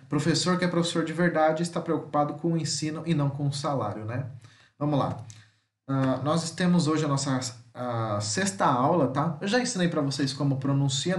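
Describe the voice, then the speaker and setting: A male teacher with a Brazilian Portuguese accent giving an online vocabulary lesson, drawing out example words slowly and checking in with his students often. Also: a little high. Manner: slow drawn-out model pronunciations between chatty explanations; keeps checking in with "tá?". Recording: echoey room.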